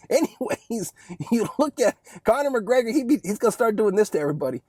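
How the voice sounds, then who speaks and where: A man's voice: high voice, sing-song, fast talker, a little mellow, slightly rough, no room sound, studio quality. A young man talking through a casual one-take sports monologue, rambling and chatty and often tagging lines with "right?". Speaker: sports commentary vlogger.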